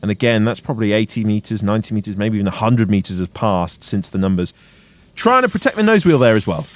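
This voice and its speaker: A pilot and vlogger gives casual, self-critical, explanatory commentary on his flight along with short radio calls, talking fast and expressively in a fairly low voice. There's no echo, but the light aircraft's engine hums in the background.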